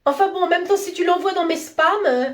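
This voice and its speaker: A woman voicing a fussy, bossy office coworker in a comedy sketch, shrill and accusing. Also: fast talker. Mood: nagging.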